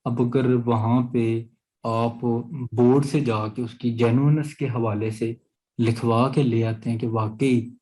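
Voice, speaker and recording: A warm, mid-range male voice with a steady tone and slightly slow pace, heard over poor audio, belongs to a Pakistani-accented law lecturer. He explains concepts step by step in class, checks often whether students understand, and handles their questions.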